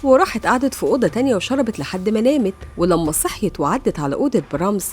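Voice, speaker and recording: A woman with an Egyptian Arabic accent telling a film's story as a fast recap narrator. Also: medium pitch, lively intonation, a little mellow, breathy edge.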